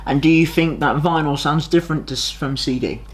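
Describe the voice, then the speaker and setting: Brisk and slightly rough, this young man's voice sits on the high side as he delivers a news-style history video. He's a student presenter, informal and exclamatory, with music running underneath.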